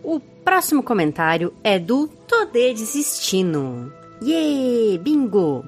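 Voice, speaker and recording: A woman's voice: fairly high pitch, big pitch swings, takes it slowly, faint music behind. A woman with a Brazilian Portuguese accent co-hosting a podcast, playfully reading out listener comments. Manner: playful, laughs often. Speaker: podcast co-host.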